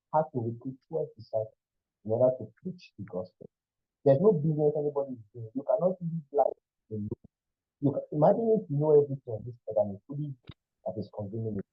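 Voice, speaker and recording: A man's voice: medium pitch, breathy edge, no room sound. A man leading a group call who explains things in a preacher-like way, repeating himself and restarting his sentences, speaking through headphones. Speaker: team leader answering questions. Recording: dry muffled online call audio.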